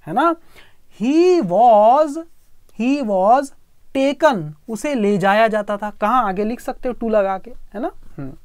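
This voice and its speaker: A woman's voice: a little high, darkish tone, dry recording, clean studio sound. A woman teaching English through Hindi. She goes through a story line by line, patiently repeating and spelling out words.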